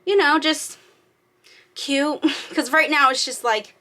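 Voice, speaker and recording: A woman's voice: high-pitched, takes it slowly, pushed and bright, slight background noise. A woman giving a casual, giggly, self-deprecating vlog tour from inside a small RV trailer, talking informally. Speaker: vlogger.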